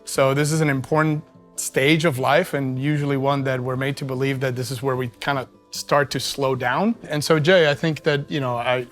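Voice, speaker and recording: Male host, friendly, halting with fillers, mid pitch, faint music bed. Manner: friendly, hesitant, with many fillers. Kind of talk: casual panel discussion.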